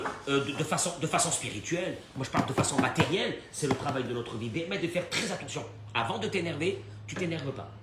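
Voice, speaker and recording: A man teaching a Torah lesson as a rabbi, animated, swinging from hushed to loud and acting out short dialogues. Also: mid-range voice. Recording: echoey room with faint noise.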